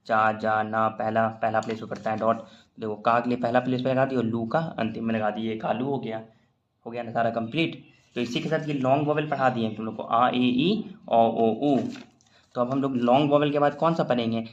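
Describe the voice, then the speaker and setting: Guy teaching shorthand, medium voice, keeps asking the class stuff, kinda muffled recording. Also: medium pitch. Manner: explains step by step, asks students questions. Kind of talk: casual classroom lesson.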